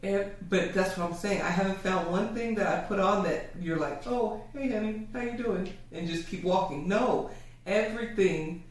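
A woman's voice: fairly low pitch, normal speed. A woman co-hosting a podcast, chatting playfully with her husband and laughing often. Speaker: podcast co-host. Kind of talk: casual couple's chat. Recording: echoey room, mic at a distance.

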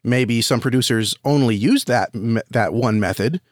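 Here a podcast guest who makes and reviews audio dramas talks in a medium-pitched voice at normal speed. The studio-quality audio has no echo. He gives long, chatty explanations and tends to repeat words as he finds his phrasing.

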